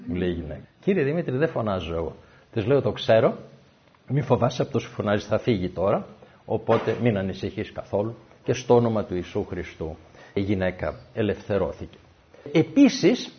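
Animated pastor telling stories. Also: male voice, medium pitch. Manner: animated storytelling, acts out dialogue. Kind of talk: sermon with personal stories. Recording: dull lo-fi recording.

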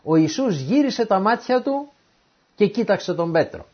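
A man's voice: high voice, husky. A man preaching a sermon who reads scripture verses and then retells them in everyday words. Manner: animated, acts out the quoted speakers. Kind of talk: sermon explaining a Bible passage. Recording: dull lo-fi recording.

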